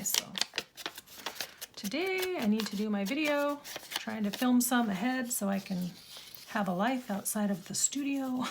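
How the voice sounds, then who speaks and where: Chatty, slightly croaky woman crafting. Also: a little high, slight background noise. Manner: chatty, rambling, self-deprecating, laughs often. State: a little croaky. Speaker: craft channel host. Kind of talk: casual chat while crafting. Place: home craft studio.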